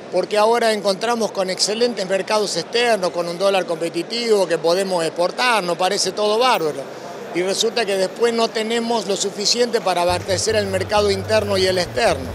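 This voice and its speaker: A man's voice: high-pitched, background noise. A man in his sixties with an Argentine accent, giving earnest, explanatory answers in an interview into a handheld microphone. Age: 60s. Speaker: interviewee, agricultural cooperative representative. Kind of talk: on-camera interview. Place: indoor exhibition hall at a farm show. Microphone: handheld microphone held by the interviewer. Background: music.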